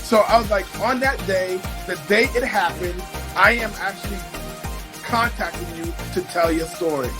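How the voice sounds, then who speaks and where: An enthusiastic interview host who rambles in quick bursts, inviting a guest to tell her story. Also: mid-range voice, music in the background. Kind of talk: interview host, casual chat.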